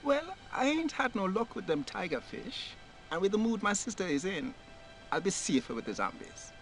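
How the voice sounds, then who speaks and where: A man's voice: high-pitched, sing-song, normal speed, fairly bright tone, exaggerated voice, poor audio. An actor playing a laid-back but wary island boatman in a video game, talking with an easygoing drawl. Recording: game audio with faint music.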